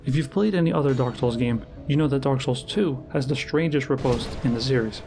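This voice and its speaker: A man giving measured, explanatory scripted narration for a countdown-style video of game trivia. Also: mid-range voice, creaky, a little mellow. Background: background music.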